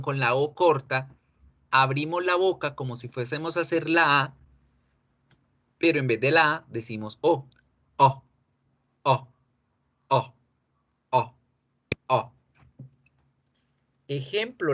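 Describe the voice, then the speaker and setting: A man's voice: on the high side, pushed and bright. Male teacher running a pronunciation lesson, patient and repetitive. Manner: explains patiently, repeats model words slowly. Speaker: English teacher.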